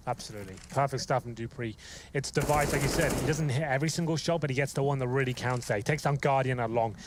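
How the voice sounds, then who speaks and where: A man's voice: medium pitch, noisy background. A man commentating an esports match as a caster, giving flowing, analytical play-by-play.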